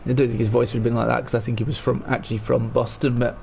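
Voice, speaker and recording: A man with a croaky voice hosts a gaming livestream in a chatty, rambling, self-deprecating way. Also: medium pitch, flat delivery, racing, a little mellow, a little hiss or hum. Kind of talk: casual livestream game commentary.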